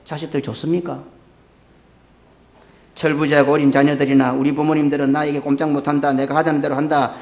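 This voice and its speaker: A male pastor with a Busan Gyeongsang accent delivers a sermon in a fairly high voice. He moves between low, earnest stretches and loud, excited bursts. The sound rings through an echoey church sanctuary. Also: vocal fry.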